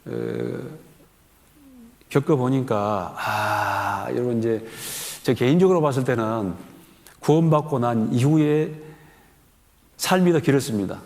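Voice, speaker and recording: A man's voice: mid-range voice, takes it slowly, gravelly, long pauses, a little mellow. A man in his fifties, a pastor giving a sermon in a church, talking to the congregation in a conversational way with many questions to them. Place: church sanctuary. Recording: long hall reverb in a church.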